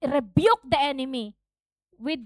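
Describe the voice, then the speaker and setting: A woman pastor preaching a fervent sermon, switching between Tagalog and English, at times building to shouted exhortation. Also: high-pitched, lively intonation, slow, no room sound.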